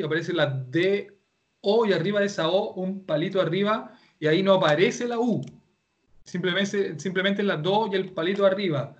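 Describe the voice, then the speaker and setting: Man, Chilean accent, online teacher, rambling explanations, slightly high voice, muffled sound. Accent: Chilean Spanish. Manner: explanatory, rambling, with many restarts and fillers. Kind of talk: online language class.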